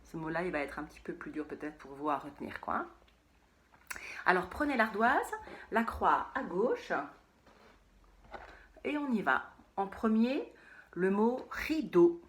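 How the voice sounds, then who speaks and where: A woman teaching a phonics lesson to young children, saying words slowly and repeating them, sometimes in a whisper. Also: medium pitch, big pitch swings, a bit bright.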